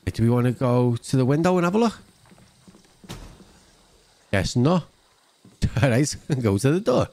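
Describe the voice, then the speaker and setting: Close to a desk microphone at his gaming setup indoors, this channel host, roughly thirty to forty-something, muses aloud through a relaxed let's-play. His medium-pitched voice is very animated yet unhurried, with vocal fry, long pauses and a darkish tone.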